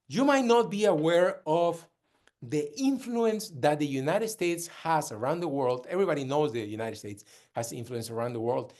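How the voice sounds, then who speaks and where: Earnest man from Peru, slightly high voice. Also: darkish tone. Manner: earnest, with frequent restarts and repetition. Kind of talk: direct-to-camera talk.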